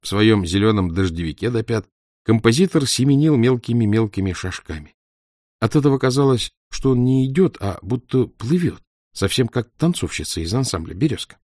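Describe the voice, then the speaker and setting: A man's voice: medium pitch, expressive, moderate pace, darkish tone, no room sound, studio quality. A man narrating a children's story for an audiobook, reading it expressively.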